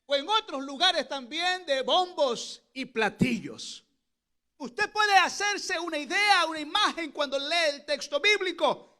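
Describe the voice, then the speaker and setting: A man pastor delivering an impassioned Pentecostal sermon at a church service, often rising into shouted exclamations. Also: extremely high pitch, animated, measured pace.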